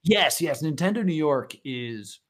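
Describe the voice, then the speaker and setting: A man, a comedian and wrestler, talking casually in an interview and telling stories with lively quoted voices. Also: unhurried. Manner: animated storyteller, voices quotes with big pitch jumps. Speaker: guest comedian.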